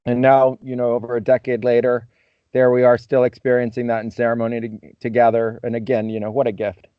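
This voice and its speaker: A man's voice: medium pitch, monotone, a little fast, clean tone, no room sound. Reflective man telling a story, muffled. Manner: reflective, loose phrasing with many "you know" fillers. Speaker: podcast guest. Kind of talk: conversational storytelling. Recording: slightly muffled, dull audio.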